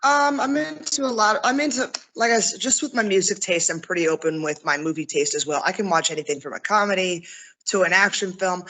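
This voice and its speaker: A woman's voice: medium pitch, a little fast, fairly bright tone, poor audio. Chatty candid young woman. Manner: chatty and candid, laughs often, says "like" a lot. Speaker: interview guest, MMA fighter. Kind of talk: casual video interview.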